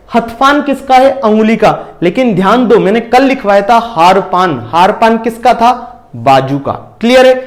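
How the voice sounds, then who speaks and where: Brief: high-pitched male tutor, exam-prep lecture, keeps asking and answering his own questions. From India. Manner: repeats questions and answers them himself, keeps asking if it is clear. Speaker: teacher.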